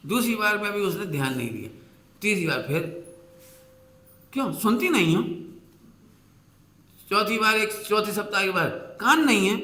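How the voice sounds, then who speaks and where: A fairly high-voiced man delivers a lively sermon from India, slipping into scolding voices as he tells a family story. He keeps checking that his listeners follow. The sound rings around an echoey hall. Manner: lively storytelling, acting out scolding mother-in-law and child; asks the audience questions often. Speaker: Jain preacher.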